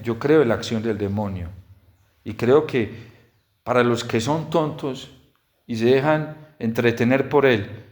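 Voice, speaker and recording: Man preaching a homily. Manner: builds to loud high-pitched exhortations; storytelling with lively quoted dialogue.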